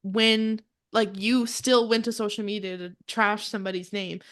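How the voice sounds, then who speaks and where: A young woman co-hosts a podcast in casual, chatty conversation, laughing often and using lots of "like" and "um" fillers. Her voice is medium-pitched, steady, and fairly bright, at a moderate pace.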